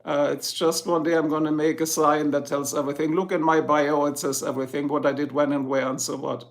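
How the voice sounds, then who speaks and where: A middle-aged livestream host with a German accent chats casually with his viewers, answering their comments one by one and chuckling often. His voice is fairly high and flat, and he talks a little fast.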